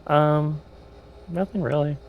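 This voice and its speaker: A man's voice: on the high side, fairly even intonation, slow pace, highs cut off. A man speaking hesitantly in casual tabletop role-play. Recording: faint background noise.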